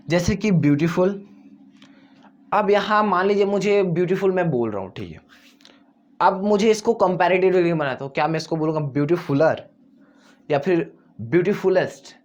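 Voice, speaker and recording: Male grammar teacher, higher voice, repetitive and drawn-out delivery, muffled lo-fi audio. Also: expressive. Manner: repetitive, asks and answers his own questions, drawls words out slowly to show syllables. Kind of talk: explaining grammar to students.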